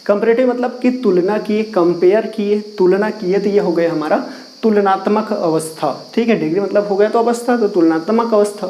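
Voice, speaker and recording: A man's voice: sits high, normal speed, warm tone, slight background noise, low-quality recording. A man teaching English grammar to a class, asking questions and repeating the key words as he explains. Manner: writes and erases on a board while explaining. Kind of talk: classroom lesson explained in Hindi.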